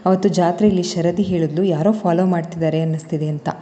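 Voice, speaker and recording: A woman's voice: on the low side, fairly even intonation, quick pace, dark tone, big-room sound, dull audio, lightly acted. A woman voicing a frightened young woman student who pleads with her boyfriend. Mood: pleading. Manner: pleading and fearful.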